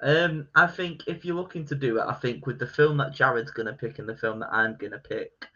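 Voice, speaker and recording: Bright-voiced man, lo-fi podcast. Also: mid-range voice, brisk. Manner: laughing, quoting film lines. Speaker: podcast co-host. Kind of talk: casual film chat. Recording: dull lo-fi podcast audio.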